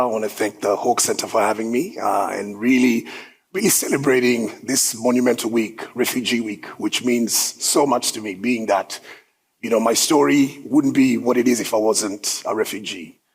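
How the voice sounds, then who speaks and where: Upbeat man in his thirties, from South Sudan, husky tone at middle pitch, speaking casually to an event crowd. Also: normal speed, low-quality recording. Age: 30s. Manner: upbeat, conversational, with filler words. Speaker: guest speaker. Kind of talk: personal story talk. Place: event hall.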